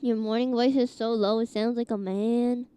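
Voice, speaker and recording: A woman's voice: fairly high pitch, steady tone, moderate pace, dark tone, clean tone. A woman streamer chatting casually in a scratchy morning voice, rambling with lots of fillers and laughs. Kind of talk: casual chat.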